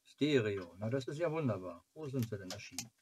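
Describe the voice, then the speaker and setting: A man in his forties hosts a children's TV fan club channel, chatting casually to viewers in a rambling, think-aloud vlog. His voice sits fairly low, expressive and a little fast, with a darkish tone. He's recorded on a camera or webcam at arm's length in a small, cluttered room at home, with slight background noise.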